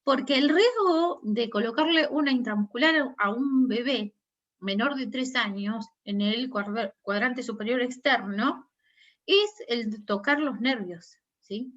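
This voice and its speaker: The recording is muffled, and the woman's voice is on the high side and a bit bright, at a measured pace. A nursing instructor with a Rioplatense Spanish accent, she teaches an online class, walking students through each step and asking frequent tag questions to confirm they follow.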